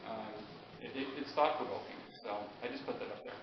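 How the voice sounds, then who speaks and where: A man's voice: mid-range voice, brisk, creaky. Chatty man lecturing in an echoey room. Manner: chatty, asks the audience questions. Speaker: pharmacist giving a public talk. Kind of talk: informal lecture. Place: meeting room with an audience. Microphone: handheld mic. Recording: echoey, dull, noisy room recording.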